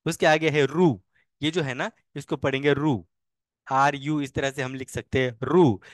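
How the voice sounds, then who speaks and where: A man's voice: mid-range voice, fairly even intonation, measured pace, no echo, studio quality. A man teaching a beginner language class, patiently repeating each vowel sound and key point. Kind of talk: online language lesson.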